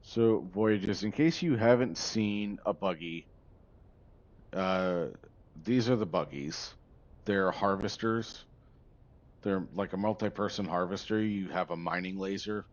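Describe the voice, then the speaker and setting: Rambling male streamer, low voice. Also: unhurried, muffled recording. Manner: rambling, easily sidetracked, chatty with a viewer. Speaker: gaming streamer. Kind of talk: casual livestream chat.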